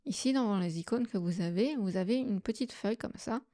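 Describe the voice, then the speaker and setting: A woman hosting a software tutorial, explaining each step casually with frequent fillers. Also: mid-range voice, fairly quick, dry recording, studio quality. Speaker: astrophotography tutorial host. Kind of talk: screen-recorded software tutorial.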